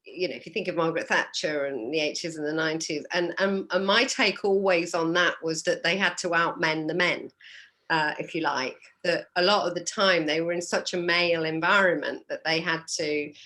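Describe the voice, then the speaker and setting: Woman host, low voice, probing, restarts her sentences, coaching panel chat. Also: fairly even intonation, normal speed, pushed and bright. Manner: probing, repeats words when starting a thought. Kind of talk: casual panel discussion.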